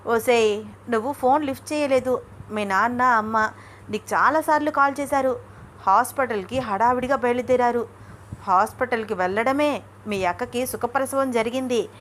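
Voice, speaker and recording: Scolding storybook granny, loud and fond, put on by a woman reader. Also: on the high side, normal speed, slight background noise, close to an everyday voice. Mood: teasing, chatty. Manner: scolding, calls her girl names. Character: bossy loving old grandmother.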